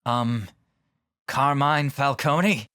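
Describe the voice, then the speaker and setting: An actor playing a smug, pompous villain obsessed with riddles, posing questions theatrically in a scripted motion comic. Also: male voice, fairly low pitch, sing-song, takes it slowly, a bit bright, exaggerated voice. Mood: nervous.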